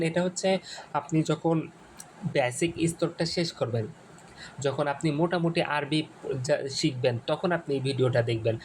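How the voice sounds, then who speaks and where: A man from Bangladesh guiding viewers step by step through a phone screen, talking in a halting way with many restarts and repeated phrases. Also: fairly high pitch, a little mellow, a little hiss or hum, poor audio. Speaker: Arabic course instructor. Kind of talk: screen-share tutorial walkthrough.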